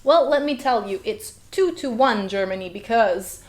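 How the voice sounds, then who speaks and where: A sarcastic woman linguist whose first language is Slovenian hosts a commentary vlog, her voice fairly high with lively intonation and a slightly slow delivery. She fills her talk with rhetorical questions.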